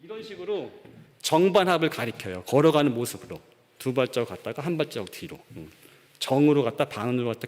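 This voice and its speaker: A male pastor preaches in a church with long reverb, his voice rising and falling a lot. He talks in an easy, conversational way and tells stories. His pitch sits in the middle range. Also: a little mellow. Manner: conversational storytelling, acts out quoted voices. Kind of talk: sermon. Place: church sanctuary.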